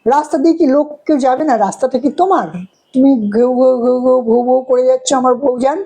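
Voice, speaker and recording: A woman vlogger acting out her busy morning, talking briskly, bargaining and chiding her pets fondly. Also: high-pitched, steady tone, warm tone, low-quality recording. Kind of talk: acted everyday role-play skit.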